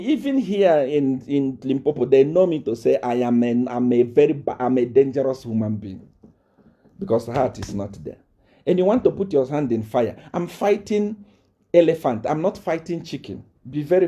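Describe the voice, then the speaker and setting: Ranting on a live stream from South Africa, a man who styles himself a prophet boasts, threatens and repeats himself again and again to his viewers. His mid-range voice is expressive and mellow at a normal speed, and the sound is lo-fi.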